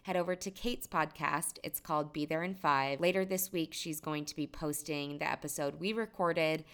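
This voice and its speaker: Low-voiced woman hosting a podcast. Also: normal speed, a bit bright. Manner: friendly, chatty. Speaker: podcast host. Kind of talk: casual podcast introduction and chat.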